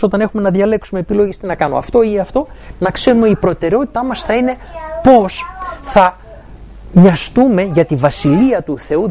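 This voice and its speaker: Lively, low-toned middle-aged man telling testimony. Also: a little hiss or hum. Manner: animated storytelling, acting out dialogue. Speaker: university professor giving a faith testimony. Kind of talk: personal testimony talk.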